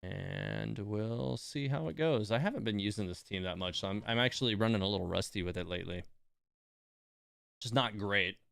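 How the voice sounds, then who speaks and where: In a dry, studio-quality recording, a streamer hosting a relaxed gameplay session reasons aloud about his choices, mostly to himself. He speaks at a moderate pace in a gravelly, lowish voice that is a bit bright.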